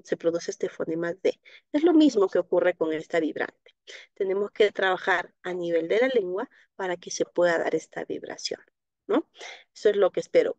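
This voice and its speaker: A woman's voice: on the low side, no echo, lo-fi sound. Woman teaching with a "¿no?" habit. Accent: Latin American Spanish. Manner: explanatory, frequent tag "¿no?", soft diminutives. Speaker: speech therapy instructor. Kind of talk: live online class, answering viewer questions.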